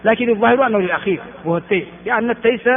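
A man's voice: high voice, very fast. A man giving a classroom lecture explaining hadith, asking his listeners rhetorical questions as he teaches. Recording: tinny phone-like recording in a hall.

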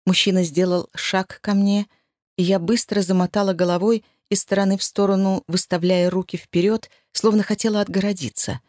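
A woman's voice: medium pitch, no echo. Woman narrating an audiobook, very dry. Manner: even, measured storytelling. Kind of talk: first-person fantasy audiobook narration.

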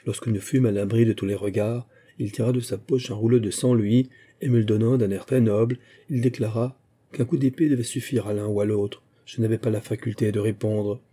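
Male narrator, memoir audiobook, measured delivery, husky and very dark tone. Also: on the low side, steady tone. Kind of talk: literary audiobook reading, first-person memoir.

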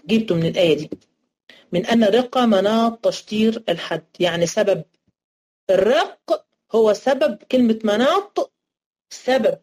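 A woman's voice: mid-range voice, lively intonation, moderate pace, pauses often, darkish tone. A woman with an Egyptian accent teaching a jurisprudence class, explaining terms step by step and answering her own questions. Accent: Egyptian Arabic. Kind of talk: interactive religious studies lesson. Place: online class recording.

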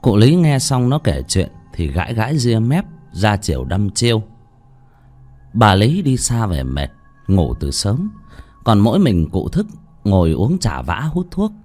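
A man narrating a ghost story in a lively, dramatic reading. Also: lowish voice, measured pace, faint music behind.

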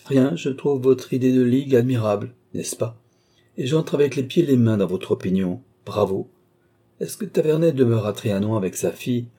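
A man's voice: mid-range voice, normal speed, warm tone, lightly acted. A man reading the part of a scheming old male marshal at court, with silky, ironic courtesy.

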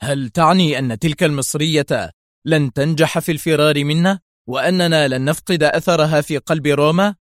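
A man reading a story aloud, voicing an angry, agitated male intelligence officer who keeps snapping and shouting. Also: a little high, quick pace, no room sound, clean studio sound, lightly acted. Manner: sharp, agitated outbursts.

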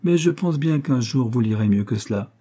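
A man voicing a prim, stern old spinster aunt who questions a child in a measured, schoolmistress tone. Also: medium pitch, animated, warm tone, breathy edge. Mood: stern, probing.

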